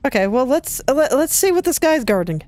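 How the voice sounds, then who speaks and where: A woman's voice: high voice, big pitch swings, a little mellow, soft background music. A woman giving casual, chatty commentary as she plays a video game, talking to herself as she goes. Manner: chatty, self-talking, quick laughs. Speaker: let's play gamer.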